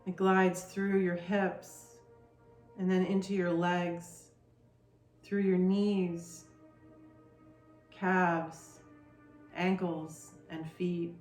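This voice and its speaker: A woman leading a guided meditation with soft, soothing instructions. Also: lowish voice, little pitch movement, extremely slow, long pauses, roomy sound, faint music behind.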